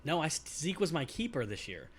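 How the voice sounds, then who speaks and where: A man hosting a casual podcast chat, relaxed and conversational as he tells stories. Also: a little high, fairly quick, slightly rough. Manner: relaxed storyteller, easy and conversational. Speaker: podcast host. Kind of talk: casual fantasy football chat.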